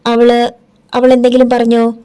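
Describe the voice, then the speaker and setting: A woman voicing a young daughter who speaks quietly but firmly, accusing and defiant. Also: fairly high pitch, monotone, moderate pace, smooth, lightly acted.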